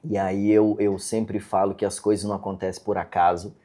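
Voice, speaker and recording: In a podcast studio, a man hosts a casual interview chat as a neurosurgeon, speaking earnestly with a Brazilian Portuguese accent. His voice is on the low side, warm and level, with a brisk pace, hesitant restarts and frequent "tá?" tags.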